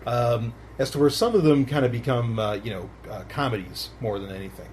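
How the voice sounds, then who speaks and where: A man hosts a podcast in a casual, rambling chat, full of fillers and restarts, and he laughs often. His voice sits at a medium pitch and sounds brisk and a little mellow. There's slight noise in the background.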